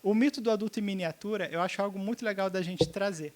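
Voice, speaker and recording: High-voiced man teaching a seminar. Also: fast, darkish tone. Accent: Brazilian Portuguese. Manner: checks in often with the audience, acts out quoted dialogue. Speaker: seminar speaker.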